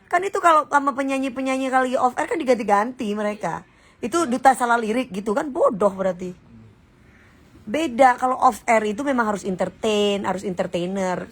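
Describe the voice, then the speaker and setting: A woman hosting a casual live stream, chatty and teasing, scolding viewers and singing short snippets. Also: medium pitch. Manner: sings short snippets mid-talk. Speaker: livestream host.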